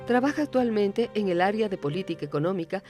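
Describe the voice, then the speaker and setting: A woman reading scripted documentary narration in a measured, even way. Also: mid-range voice, faint music behind. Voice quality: measured, even delivery of figures and facts.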